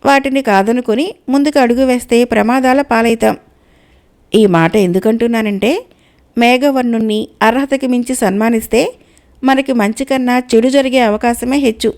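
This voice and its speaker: A woman voicing a cautious royal minister, in a measured, advising manner. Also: fairly high pitch, a little mellow, close to an everyday voice. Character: wise cautious old minister.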